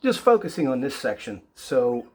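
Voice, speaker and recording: A man with a raspy, sick voice, giving a casual guitar lesson in a relaxed, halting way with many fillers. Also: medium pitch, slight background noise. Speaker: guitar teacher. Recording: loud guitar playing behind the voice.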